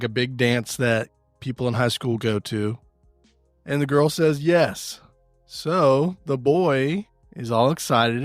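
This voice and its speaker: A man's voice: mid-range voice, no echo. A man telling a story joke on a podcast, patiently explaining things simply as he goes.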